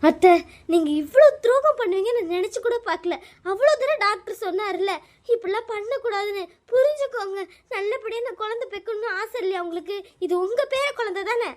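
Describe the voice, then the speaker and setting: A woman's voice: very high-pitched, brisk, darkish tone. A woman voicing a frightened, pregnant young daughter-in-law in a cartoon, pleading and tearful. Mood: upset. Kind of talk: cartoon voice acting.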